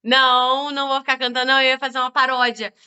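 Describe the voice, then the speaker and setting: A Brazilian woman with a Brazilian Portuguese accent hosts a casual podcast interview. Her voice is bright, smooth and slightly high, heard through somewhat dull, lo-fi audio. She rambles through her questions with plenty of fillers. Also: little pitch movement, fast. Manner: rambling, many fillers like "tipo assim". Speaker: podcast host.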